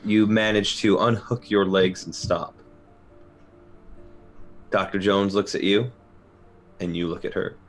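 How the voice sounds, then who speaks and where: A man's voice: on the low side, fairly even intonation, a little slow, pauses often. A man speaking as game master, narrating and refereeing a horror tabletop game over music. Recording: music under the voice.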